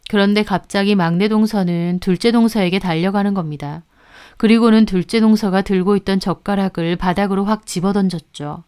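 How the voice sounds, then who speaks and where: A woman narrating a family story in the first person, calm and confiding. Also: medium pitch, a little fast, clear, resonant tone.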